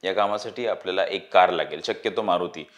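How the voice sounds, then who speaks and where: A man's voice: low-pitched, brisk, dull audio, voice pushed down, close to an everyday voice. A man reading the part of a cocky young man who plans the job, self-assured and lecturing. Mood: confident.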